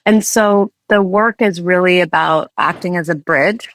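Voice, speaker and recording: A woman raised in the United States, a human rights litigator answering interview questions in an earnest, measured way. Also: fairly low pitch, a bit bright, no room sound. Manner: earnest, measured, thoughtful with restarts.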